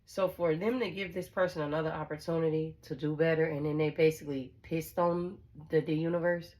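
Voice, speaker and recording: Fairly quick and steady, with a darkish tone, a low-voiced woman gives viewers a casual, conversational tarot reading. She doesn't hesitate to swear or be blunt, and she circles back on her own phrases while frequently checking in with her listener.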